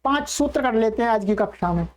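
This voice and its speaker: A woman teaching an online class, patiently repeating each sound slowly for her learners. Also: a little high, lively intonation. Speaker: Sanskrit teacher.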